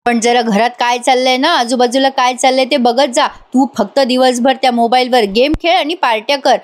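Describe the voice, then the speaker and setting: A woman's voice: sits high, steady tone, moderate pace, lightly acted. A woman voicing a bitter young wife who taunts and scolds her husband, in a soap recap. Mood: scornful.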